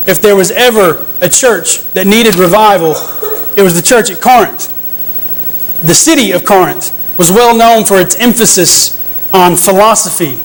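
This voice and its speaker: Male preacher, high voice, earnest sermon delivery with frequent restarts. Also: rough recording. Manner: earnest, repeats and restarts phrases; addresses the congregation with questions.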